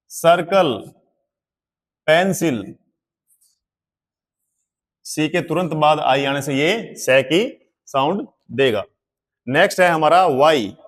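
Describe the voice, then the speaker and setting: A man teaching English pronunciation in a slow, classroom-style explanation, spelling words out letter by letter and repeating examples. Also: a little high.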